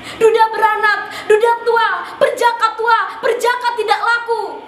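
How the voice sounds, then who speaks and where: A woman performing a theatrical monologue as an anguished, fatherless daughter, a sorrowful tragic heroine speaking in declamatory phrases with dramatic pauses. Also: very high-pitched, little pitch movement, a bit bright. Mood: bitter grief. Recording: distant, echoey, clearly noisy room recording.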